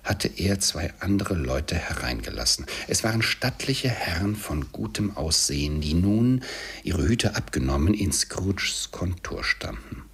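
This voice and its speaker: A man narrating a classic story in a measured, steady audiobook reading. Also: low-pitched, gravelly, breathy edge. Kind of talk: scripted narration.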